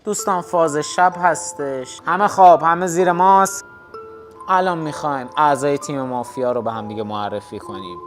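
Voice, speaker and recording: A man acting as narrator, moderating a social deduction game with brisk announcements. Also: fairly high pitch, faint music behind.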